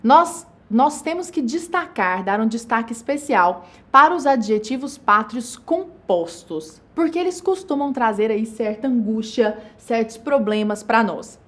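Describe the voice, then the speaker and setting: A woman teaching a recorded online grammar lesson, explaining step by step and slowing down to stress each example. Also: fairly high pitch, lively intonation. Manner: explanatory, stresses words slowly and spells out examples.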